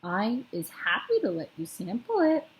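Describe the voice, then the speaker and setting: A woman's voice: medium pitch, wildly swooping pitch, moderate pace, low-quality recording. A woman voicing a big, kindly male giant, timid but clever, who speaks in an eager, slightly raised voice with mangled grammar. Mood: anxious, coaxing.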